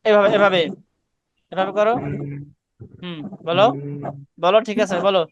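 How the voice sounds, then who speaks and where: A man's voice: high-pitched, steady tone, a little slow, dull audio, background noise. A man teaching Quran recitation on a video call, coaching students and correcting them with short repeated commands. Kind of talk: online class instruction.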